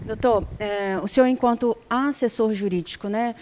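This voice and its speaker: A woman's voice: on the high side, normal speed, darkish tone, in a large hall. A woman reporter with a Brazilian Portuguese accent, politely asking interview questions. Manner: polite, addresses guest as doctor.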